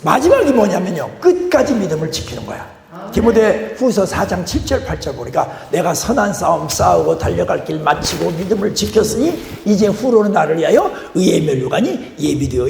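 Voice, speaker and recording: A man's voice: high-pitched, vocal fry, darkish tone. An older man preaching a guest sermon in a church, folksy, with joking asides to the congregation. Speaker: guest pastor. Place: church sanctuary. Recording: echoey church hall.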